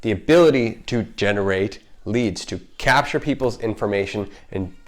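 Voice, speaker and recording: Speaking from his home kitchen, a man with a fairly low voice and normal pace hosts an off-the-cuff explainer vlog. He works in marketing, wears retainers that give him a slight lisp, and chats with emphasis while often cutting himself off.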